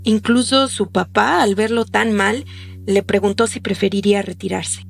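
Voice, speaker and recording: A woman hosting a podcast, reading a scripted documentary narration in a measured, explanatory way. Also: mid-range voice, steady tone, creaky. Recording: faint music behind the voice.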